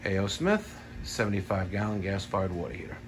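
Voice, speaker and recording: Plumber vlogger, man in his 40s, New York accent, hyped and animated, phone-filmed in a basement. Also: sits low, brisk, a little hiss or hum. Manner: animated, hyped, talks to viewers. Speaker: plumber and heating technician. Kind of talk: on-the-job vlog narration. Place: house basement boiler room. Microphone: phone camera at arm's length.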